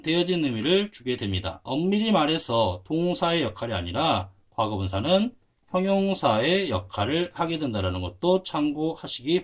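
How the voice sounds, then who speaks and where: A man teaching English grammar to Korean learners, explaining patiently at a board and spelling words out letter by letter. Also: fairly high pitch. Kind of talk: explaining at a whiteboard.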